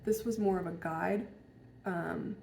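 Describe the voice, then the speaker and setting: A woman's voice: on the low side, fairly even intonation, slow pace, vocal fry, a little mellow, slight background noise. Musing woman in a roomy echo. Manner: musing, hesitant, many fillers and restarts. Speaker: vlogger. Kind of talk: casual personal storytelling.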